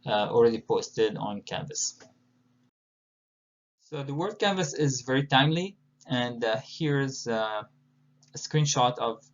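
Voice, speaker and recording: A middle-aged man from Palestine, a university instructor, giving a recorded online lecture in a measured way with many filler pauses. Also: mid-range voice, creaky. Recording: dull lo-fi audio.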